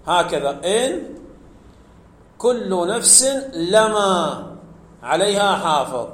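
High-voiced man lecturing in an echoey room. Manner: explains step by step, quizzes students with questions, stretches out key words. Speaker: teacher of Arabic grammar. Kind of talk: classroom lecture.

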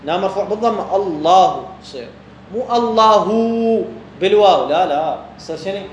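At a moderate pace and with lively intonation, a high-voiced man with an Iraqi Arabic accent teaches a religious jurisprudence text. He quizzes his students, then answers himself, in an echoey room with a faint hum.

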